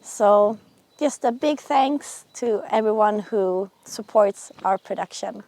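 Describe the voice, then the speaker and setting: A woman's voice: medium pitch, slow pace, darkish tone. A woman hosting a vlog, talking casually and directly to her viewers. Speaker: sailing and boat-building vlogger, host.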